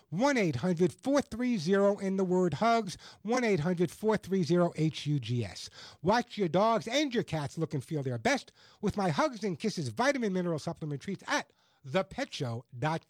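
An American man with a high-pitched voice works as a radio host and pitchman. He speaks in a dry, close studio sound and drives points home with emphatic, salesman-like repetition. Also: very animated, a little slow, a little mellow, no room sound. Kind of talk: radio call-in advice and self-read product pitch.

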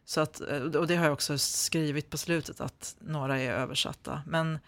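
A man's voice: on the high side, fairly even intonation, a bit bright, dry recording. A man speaking standard Swedish, answering interview questions as an author in a hesitant way, with many fillers and restarts. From Sweden. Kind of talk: conversational interview.

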